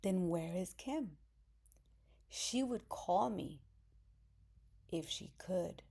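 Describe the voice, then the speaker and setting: Lady reading a worried mom pushing for answers, low voice, really slow. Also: animated, warm tone, husky, heavily acted. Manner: pleading, pressing. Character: worried anxious mother searching for daughter.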